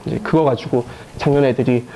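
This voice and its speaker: A man who works as a teacher, telling lively stories to an audience with lots of fillers and laughter. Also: medium pitch, fast, a little hiss or hum. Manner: animated storytelling with frequent fillers and laughs. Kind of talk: casual talk to a live audience.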